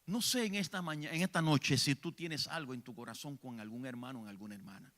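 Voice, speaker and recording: A man with a Puerto Rican accent preaching a church sermon, swinging between hushed lines and shouted ones. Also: mid-range voice, a little fast. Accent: Puerto Rican Spanish. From Puerto Rico. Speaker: evangelist preacher. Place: church sanctuary.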